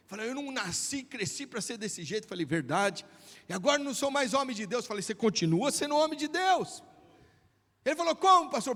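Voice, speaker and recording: High-voiced Brazilian pastor preaching. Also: male voice. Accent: Brazilian Portuguese. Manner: preaching with wide swings from hushed to shouted. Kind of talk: sermon. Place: church hall. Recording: long church hall reverb.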